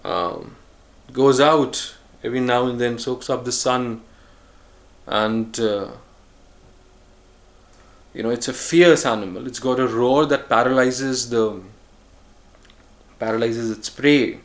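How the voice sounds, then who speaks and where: Speaking in a mid-range voice, a male vlogger muses through a reflective monologue on his own. He is earnest, talks about picking calm over harshness, and keeps pausing and starting over.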